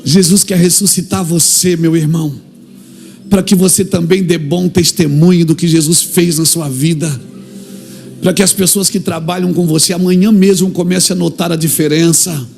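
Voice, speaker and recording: High, gravelly Brazilian preacher. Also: male voice, steady tone, normal speed, soft background music. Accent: Brazilian Portuguese. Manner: impassioned preaching that acts out dialogues and builds to shouted climaxes. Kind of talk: fervent church sermon. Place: church.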